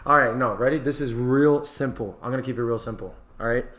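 Male podcast host, casual chat, halting delivery with restarts. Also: medium pitch, a bit bright, reverberant. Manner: halting, repeats and restarts words.

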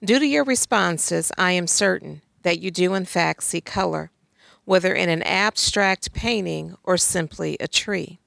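Emphatic woman with a gravelly voice. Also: fairly low pitch, a little slow, fairly bright tone, no room sound. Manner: emphatic, pointed, with rhetorical questions. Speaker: guest speaker. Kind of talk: conversational talk on faith and society.

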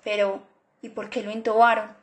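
A woman's voice: mid-range voice, little pitch movement, normal speed, close to an everyday voice. A woman reader voicing a distraught young sister who fires off pleading questions. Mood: anguished.

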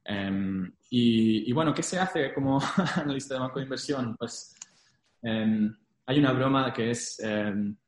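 Speaking a little slowly in a mid-range voice, a young former investment banking analyst talks about his career as a guest in a casual interview. His Spanish is sprinkled with English business terms, Spanglish style. The recording has an echoey room sound.

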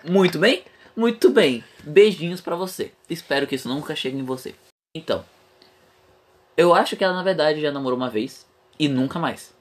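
A man's voice: on the high side, a little fast. A young man hosting a casual podcast, talking frankly and rambling, swearing freely. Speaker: podcast host.

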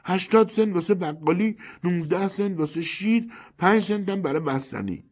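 Guy doing a screechy little girl, way up high, husky edge, storybook read. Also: expressive, darkish tone, full character voice. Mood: demanding. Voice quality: shrill, screeching. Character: screeching scruffy little girl of six or seven.

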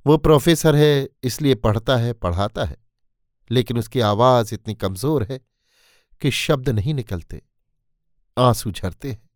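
A male storyteller reading a short story in a steady, measured way. His voice sits at a middling pitch and the sound is dry and close, with no room around it. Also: no echo. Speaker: narrator.

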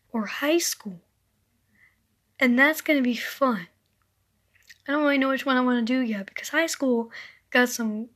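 A woman's voice: high-pitched, fairly bright tone. A teenage girl hosting her own casual podcast, rambling in a sarcastic, exasperated way. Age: teens. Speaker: podcast host. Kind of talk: casual solo podcast rant.

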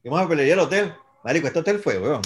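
A man with a Venezuelan accent telling casual, rapid, slang-filled anecdotes as a concert promoter. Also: on the high side, expressive, slight background noise. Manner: rapid, slangy, profanity-laced. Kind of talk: casual storytelling.

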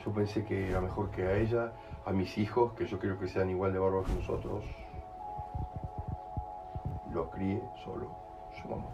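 A man with a Rioplatense Spanish accent giving an in-person talk to an audience. He tells stories with lively acted-out voices and keeps checking in with "¿entendés?". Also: sits low, moderate pace, vocal fry, pauses often, loud music behind the voice. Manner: animated storyteller, acts out voices, keeps asking "¿entendés?". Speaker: speaker at a live talk. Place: room with a live audience.

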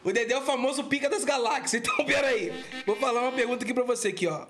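A man's voice: very high voice, racing, over music. A man, asking teasing quiz questions in casual chat. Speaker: quiz asker.

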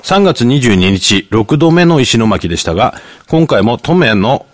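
A man's voice: mid-range voice, sing-song, a little slow. A man in his forties co-hosting a comedy radio show, with a dry, understated delivery, chatting and reading out listener mail. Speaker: radio co-host.

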